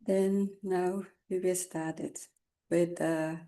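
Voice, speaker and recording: A woman who is not a native English speaker, teaching guided meditation in a soft, calm, halting way with short phrases and long pauses. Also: fairly low pitch.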